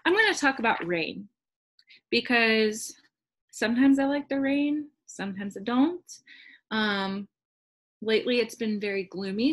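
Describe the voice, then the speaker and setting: A woman music teacher with a fairly high voice patiently leads her class through a lesson. She counts rhythms in syllables and often pauses with "um."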